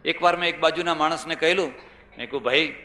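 Older Gujarati swami preaching in an echoey hall. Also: male voice, fairly high pitch, quick pace, sharp tone. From India. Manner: storytelling, rhetorical questions, repeats phrases for emphasis. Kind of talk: religious discourse to an audience. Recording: echoey hall with long reverb.

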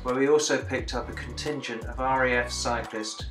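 A British man in his sixties, a veteran, narrates a video diary of a commemorative bike ride as reflective voice-over. His mid-range voice is plain-spoken and dryly understated, with fairly even intonation at a normal speed. The sound is reverberant, with music playing behind him.

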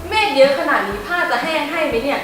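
A woman teacher giving a playful vocabulary lesson for children, acting out little skits and spelling words slowly. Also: high-pitched, expressive, noisy background. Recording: echoey, recorded from a distance, faint music.

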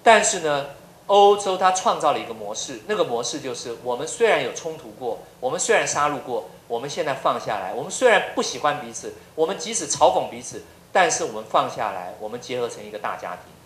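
A man's voice: mid-range voice, lively intonation, a little fast, a bit bright. A middle-aged man from Taiwan, a professor giving a lecture full of humorous anecdotes and rhetorical questions. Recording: roomy lecture hall.

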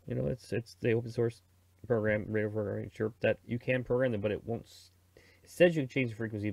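A middle-aged man, a radio reviewer and presenter, rambles casually through a product review and how-to chat in an informal, conversational way. His voice sits fairly low, creaky and a little dark, with no echo.

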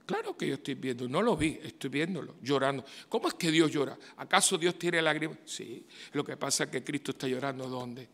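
A man, a priest giving a homily in a conversational way, full of rhetorical questions and sudden loud outbursts. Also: mid-range voice, lively intonation, a little fast, hardly any pauses. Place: church. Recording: reverberant church hall.

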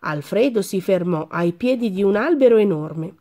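A woman with a mid-range voice reads a children's story aloud at a moderate pace, lively and full of expression.

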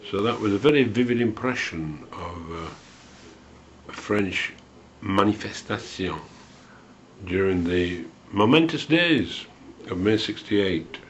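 A man recalls an old memory in a low, unhurried voice, pausing often and slipping in dry, wry asides. The recording is dull and lo-fi, with the top end muffled. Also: lively intonation, slight background noise. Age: 60s. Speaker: storyteller recalling a student memory. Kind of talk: unscripted spoken memoir.

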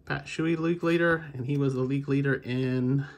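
This baseball card collector and video host speaks at a moderate pace in a gravelly, medium-pitched voice with fairly even intonation. Cracking open card packs, the American man talks casually without a script, wandering a little as he thinks out loud.

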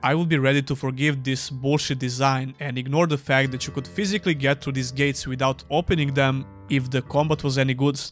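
A man's voice: mid-range voice, fairly even intonation, fairly quick, hardly any pauses, over music. A young man giving a scripted, dryly sarcastic voice-over review of an old game. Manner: dry, sarcastic. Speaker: gaming YouTuber.

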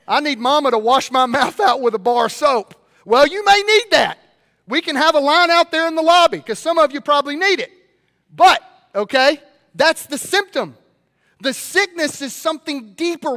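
High-voiced Southern pastor preaching in a hall. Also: male voice. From Mississippi. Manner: lively, swings from loud to hushed. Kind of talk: sermon. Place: large church hall. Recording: long reverb of a large hall.

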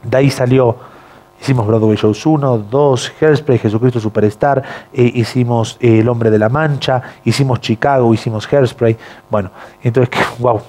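A TV news presenter with a mixed Argentine and Bolivian Spanish accent tells stories as a guest in a casual interview. His mid-range voice moves at a moderate pace, and he's animated, acting out the voices of the people in his stories.

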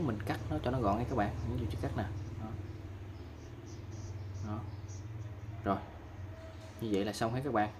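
A man giving a patient step-by-step app tutorial, filling pauses with short fillers. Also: mid-range voice, darkish tone, slight background noise. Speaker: tutorial vlogger. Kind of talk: casual screen-recorded app tutorial.

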